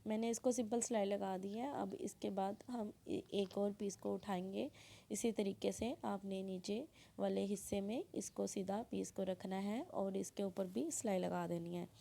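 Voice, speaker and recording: A woman, talking through a sewing tutorial step by step and clearing her throat now and then. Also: mid-range voice, fairly even intonation, moderate pace, dark tone. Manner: plain instructional, frequent throat clearing. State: sore throat. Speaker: sewing instructor.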